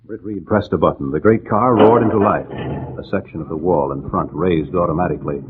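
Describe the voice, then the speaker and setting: A deep-voiced man narrates in the formal, dramatic manner of 1940s radio. He sounds like a serial announcer, heard through a muffled, narrow broadcast with clear background noise. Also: brisk.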